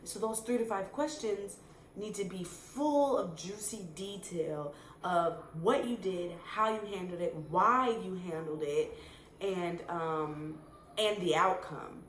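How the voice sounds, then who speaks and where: A woman's voice: on the low side, takes it slowly, a bit bright. A woman vlogger giving casual advice straight to camera, chatty and repetitive, with lots of fillers. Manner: chatty, repeats words, many fillers. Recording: echoey room, faint noise.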